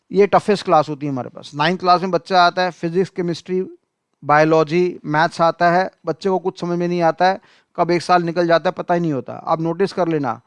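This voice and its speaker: A man's voice: a little high, smooth, dry recording. A man teaching an economics class in style lecture, talking to students as "beta" and acting out their excuses.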